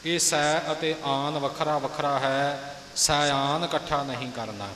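A man's voice: on the high side, steady tone, a little slow, echoey room, in a large hall, noisy background. A man teaching correct pronunciation of scripture, chanting a phrase and then explaining it. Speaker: recitation teacher. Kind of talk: pronunciation instruction.

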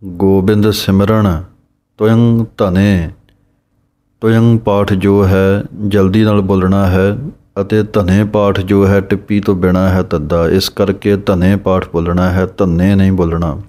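Male teacher going over scripture recitation, mellow low voice. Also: little pitch movement. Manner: explains plainly, then recites verses slowly and chants some lines. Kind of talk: recitation lesson, explaining correct pronunciation and pauses.

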